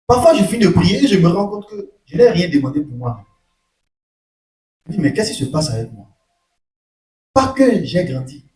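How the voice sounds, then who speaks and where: High-pitched preacher guy, keeps saying alleluia, goes quiet then shouts, mic's far off. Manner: preaching with frequent "alléluia" calls and rhetorical questions to the congregation; shifts between soft asides and sudden shouted emphasis. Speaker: pastor. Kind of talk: sermon. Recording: echoey room, voice off-mic.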